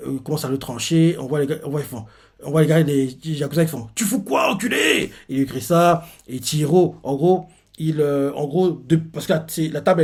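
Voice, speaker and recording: A man hosting a manga reaction, retelling a chapter in a loose, rambling way. He keeps stopping to correct himself and leans heavily on fillers. His voice sits a little higher than most men's. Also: dark tone. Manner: rambling, heavy fillers, restarts sentences often.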